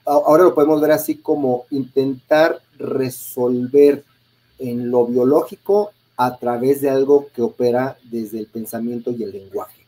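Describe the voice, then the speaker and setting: A man hosts an interview in a husky, breathy voice with a dark, mellow tone. He thinks aloud in a measured way and pauses on small fillers as he builds his points. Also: mid-range voice, steady tone, poor audio. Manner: measured, reflective, frequent "este" fillers. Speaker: host. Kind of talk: conversational interview.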